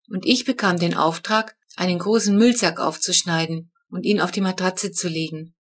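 A woman's voice: fairly low pitch, fairly bright tone. Woman narrating a children's story. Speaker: audiobook narrator. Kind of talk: scripted narration.

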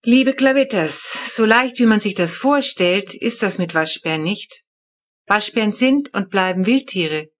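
A woman's voice: mid-range voice, lively intonation, a little slow, close to an everyday voice. A woman reading a storybook, voicing a serious male vet who explains things earnestly.

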